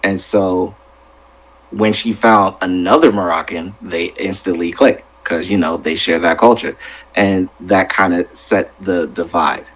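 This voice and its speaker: A man with a very low voice sitting in on a casual culture podcast. He speaks in a measured, easygoing way and leans on anecdotes to make his point. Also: fairly even intonation, a bit bright, low-quality recording. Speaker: podcast co-host. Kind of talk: casual chat.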